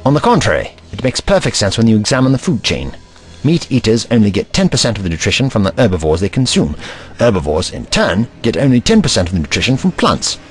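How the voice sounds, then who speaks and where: In a science fiction audio drama, a man plays a learned, eccentric time traveller, lecturing in precise, old-fashioned language. His voice is sing-song and quick, its pitch swooping dramatically, and the character is protective and easily indignant. Music plays underneath.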